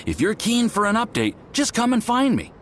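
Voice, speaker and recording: A man's voice: high-pitched, huge pitch swings, moderate pace, fairly bright tone, a little hiss or hum, heavily acted. A man voicing an earnest, deferential young research assistant in an anime-style video game, polite and apologetic in manner. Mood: eager, earnest.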